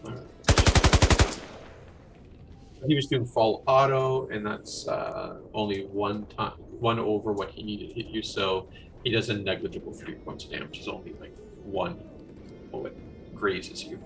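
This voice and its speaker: A man's voice: fairly low pitch, a little slow, pauses often, distant mic, music in the background. Casual man running a tabletop game. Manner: casual, rambling narration with fillers. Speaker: game master.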